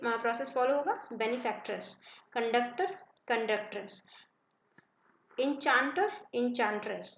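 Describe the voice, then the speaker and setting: A woman's voice: on the high side, roomy sound, rough recording. A woman with an Indian accent teaching an English grammar lesson, reading word pairs aloud and checking that students follow. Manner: reads word pairs aloud, checks understanding with short asides. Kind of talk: classroom lesson explaining word lists.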